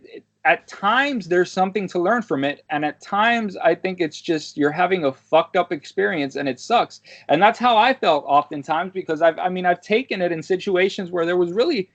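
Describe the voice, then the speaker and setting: A man in his twenties rambles through a casual podcast conversation, swearing offhandedly and often tagging his points with a quick "right?". His voice is a little high for a man. The audio is dull, dry and lo-fi, with a muffled tone and no room sound.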